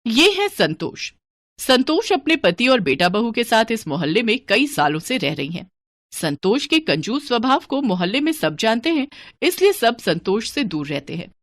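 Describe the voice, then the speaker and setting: A woman's voice: on the high side, sing-song, normal speed, dry recording, clean studio sound. A woman narrating a cartoon family story in a scripted storybook style.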